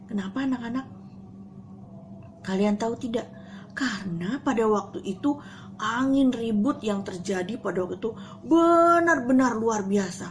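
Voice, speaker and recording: A woman speaking at a school chapel, telling children a Bible story in an animated way and talking straight to them. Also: high-pitched, a little hiss or hum. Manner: swings between soft hushed asides and loud excited bursts.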